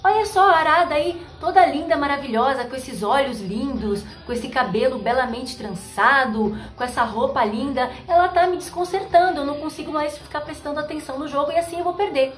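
A woman's voice: high voice, a little fast, hardly any pauses, soft background music, lightly acted. A petulant young cowherd god, put on by a woman storyteller, pleading and complaining. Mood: whiny. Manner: whiny, pleading, indignant. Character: playful young male cowherd god, sulky sore loser.

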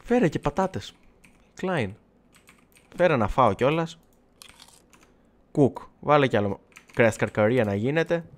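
A man's voice: medium pitch, lively intonation, long pauses. A man casually chatting while livestreaming gameplay, self-mocking and swearing, talking back to his viewers and the game. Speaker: gaming livestreamer. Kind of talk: casual live gameplay chat.

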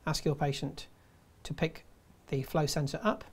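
A man's voice: a little high, level tone, slightly rough. Man narrating step-by-step instructions. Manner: measured step-by-step delivery. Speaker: presenter.

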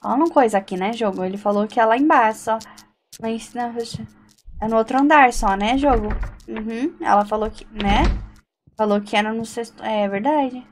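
A woman's voice: a little high, moderate pace, slight background noise. A Brazilian woman streaming a horror game, talking nervously to herself and the game and reading notes aloud. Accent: Brazilian Portuguese. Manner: jittery, talks to herself and the game, frightened exclamations. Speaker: gaming streamer.

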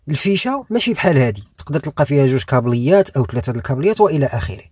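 A man's voice: mid-range voice, a little mellow, slight background noise. A man with a Moroccan Arabic accent hosting a car repair tutorial. He explains each step while he works on the car, probably in a garage. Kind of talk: hands-on repair demonstration.

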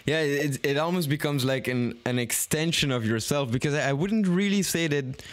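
A man's voice: fairly high pitch, normal speed. A young man in his twenties hosting a podcast from a small home studio, talking thoughtfully and often searching for words. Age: 20s. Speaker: podcast host. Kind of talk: casual podcast conversation. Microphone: studio microphone on an arm, headphones on.

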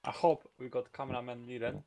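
A man's voice: medium pitch, fairly even intonation, quick pace, vocal fry, music in the background. A man rattling off urgent, repeated callouts to his team over game voice chat. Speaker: player in an online game.

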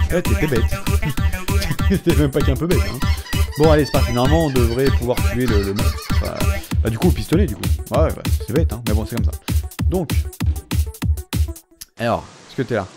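A let's play gamer casually commentates his gameplay, speaking directly to the characters and mocking and taunting the enemies. His voice drops from low mutters to excited yelps.

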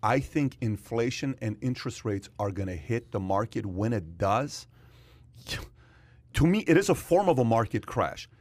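Speaking into a boom-mounted studio mic with headphones on, a forties-aged podcast host leads a lively casual discussion, hammering points home through emphasis and repetition. His mid-range voice is animated and a little mellow, at a moderate pace, and the close-miked studio sound is dry.

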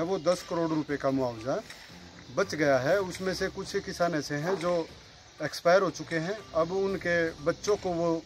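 Higher-pitched man presenting local news. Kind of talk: informal news report, reading out figures village by village. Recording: music bed under the voice. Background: background music.

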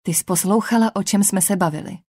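A woman's voice: mid-range voice, a little mellow, breathy edge, no room sound, studio quality, close to an everyday voice. A woman voicing a curt, dismissive male crew officer in an audiobook. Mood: stern.

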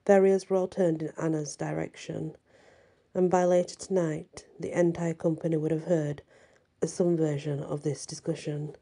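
A woman narrating a story as a storyteller in a soft ASMR style. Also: low-pitched, level tone, normal speed.

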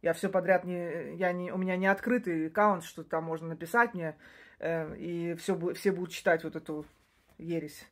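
In a small indoor room, a woman in her forties who speaks Russian natively talks casually into her phone camera, held close up. A social media creator, she has a voice on the low side with fairly even intonation and a normal pace. She is chatty and rambling, often restarting and laughing briefly.

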